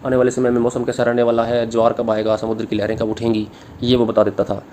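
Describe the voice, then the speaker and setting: A male teacher giving an exam-prep literature lecture, reading English lines slowly, then explaining them in Hindi. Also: mid-range voice, completely flat delivery, a little mellow. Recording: faint background noise.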